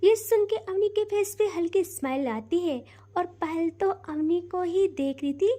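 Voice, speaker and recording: A woman's voice: very high-pitched, a little slow, mellow. A woman narrating a romance audio story in a casual, conversational way.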